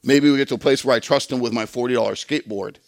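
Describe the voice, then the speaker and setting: A man's voice: mid-range voice, fairly even intonation, very fast, creaky, no echo. A man preaching a sermon in an earnest, conversational way, often repeating words as he goes. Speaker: pastor.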